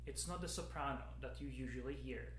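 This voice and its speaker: A man, a piano professor giving a casual spoken introduction to a piece, talking haltingly with many fillers and repeated words over a webcam in his studio. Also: medium pitch, reverberant, a little hiss or hum. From Czech Republic. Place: piano studio at a university, indoors. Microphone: webcam at desk, video call.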